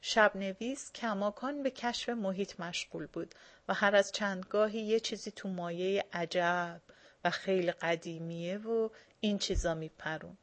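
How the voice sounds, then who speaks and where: Woman reading a casual story. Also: medium pitch. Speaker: reader. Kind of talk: reading a first-person short story aloud.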